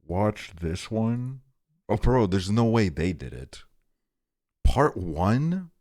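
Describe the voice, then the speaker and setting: A man's voice: fairly low pitch, very animated, takes it slowly, darkish tone. A laid-back young man streaming, reacting casually with a slangy drawl.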